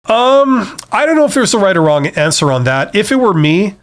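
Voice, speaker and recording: A middle-aged man talks loosely through viewer questions on a live stream, mixing jokes with practical advice. He reads each question aloud and slips into quick bits of quoted speech. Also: high-pitched, very animated, a bit bright. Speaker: host answering viewer questions.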